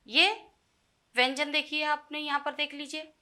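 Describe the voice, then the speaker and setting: A woman teaching a Hindi grammar lesson online, explaining slowly and asking the class questions. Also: high voice, little pitch movement, sharp tone. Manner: slow, explanatory, checks understanding with questions.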